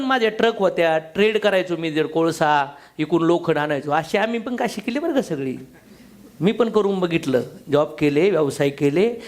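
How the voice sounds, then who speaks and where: In a high voice, a man delivers a motivational business seminar talk to a live audience. He's blunt and slangy, cracking jokes and firing questions at the crowd.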